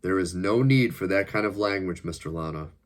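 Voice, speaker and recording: Man playing a menacing polite agent, formal, deliberate, low voice. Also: natural voice. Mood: cold menace. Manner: formal, measured, coolly threatening. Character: cold, polite, menacing male government agent.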